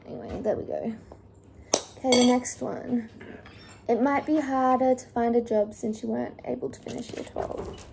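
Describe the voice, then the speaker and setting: Young woman, gravelly chatty vlog voice. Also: a little high, expressive, normal speed, noisy background. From Australia. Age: young adult. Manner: chatty, talks while cooking with fillers. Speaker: vlogger. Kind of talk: casual cook-along chat. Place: home kitchen, indoors. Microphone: phone camera on the counter.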